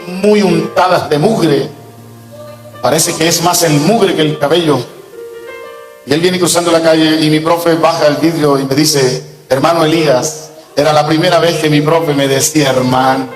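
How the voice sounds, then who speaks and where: A man's voice: on the high side, roomy sound, big-room sound, rough recording. A man preaching a sermon at a church service, telling a story with fervent emphasis. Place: church service, also streamed online.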